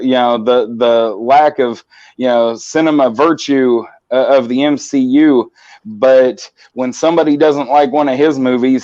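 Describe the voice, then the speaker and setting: Mid-range and darkish in tone, a male host leads a casual morning live-stream chat, spilling out long, passionate, rambling runs with frequent restarts. The audio is slightly muffled.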